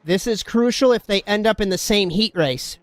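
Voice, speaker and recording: Excitable high-voiced race commentator man. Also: normal speed, dry recording. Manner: excitable, shouts at big moments. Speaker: play-by-play commentator.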